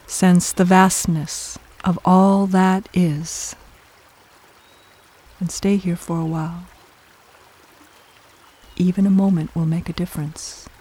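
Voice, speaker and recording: Meditation guide, mid-pitched and mellow. Soft, soothing scripted delivery, slow and measured with generous pauses. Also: little pitch movement, slightly rough.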